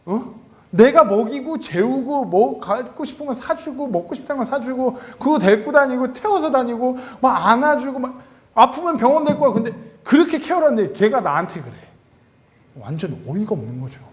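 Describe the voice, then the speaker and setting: Male youth pastor, sermon delivery, lively and expressive, pitched high. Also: brisk. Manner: animated, acts out quoted dialogue.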